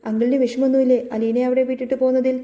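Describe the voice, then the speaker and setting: An anxious young man pleading for answers, read out by a woman in a high, mellow voice. Her tone stays close to her plain narration. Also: little pitch movement, rapid-fire, natural voice.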